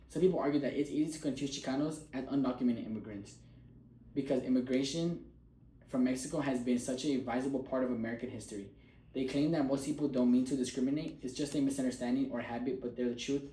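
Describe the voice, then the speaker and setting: A student, male, delivers a prepared persuasive speech with earnest emphasis. His voice is dark and mellow at an average pitch, and the space around him is roomy and echoey.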